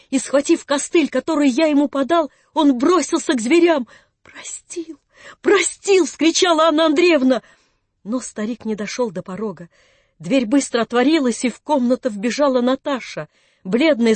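A narrator reading classic prose for an audiobook in a soft, measured storytelling manner. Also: high-pitched, no room sound.

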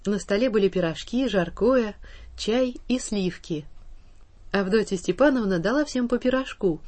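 A woman narrating a children's storybook, reading slowly and in a measured way. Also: medium pitch, expressive, a little mellow. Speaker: audiobook narrator.

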